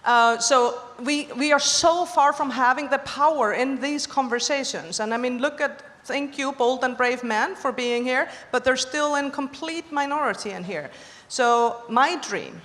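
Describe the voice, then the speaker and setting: A woman from Iceland talks on a conference panel with earnest conviction, her voice sitting a little high. Her words ring out with the long reverb of a large hall. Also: a little slow, fairly bright tone. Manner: earnest, building on others' points. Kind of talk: panel discussion.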